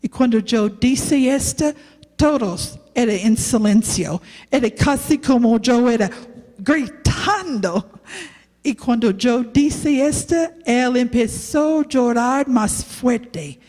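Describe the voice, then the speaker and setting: Slow woman preaching in echoey church. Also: on the high side, darkish tone. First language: English. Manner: slow, halting non-native Spanish with restarts. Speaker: missionary preacher. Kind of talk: sermon with personal story.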